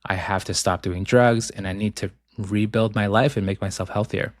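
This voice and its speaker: A man from Ecuador, raised in Boston, speaking as an author guest in a calm, thoughtful way with frequent ums. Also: on the low side, normal speed, dry recording, studio quality. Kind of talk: reflective interview talk.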